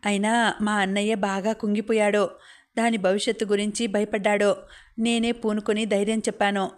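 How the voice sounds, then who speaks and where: A woman's voice: medium pitch, level tone, moderate pace, close to an everyday voice. A woman voicing an angry, aggrieved older village man who complains bitterly and indignantly. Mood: recounting.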